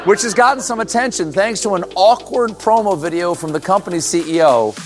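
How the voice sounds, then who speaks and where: A man's voice: high-pitched, expressive, a little fast, faint music behind. A man delivering a wry, exclaiming comedy monologue as a show host.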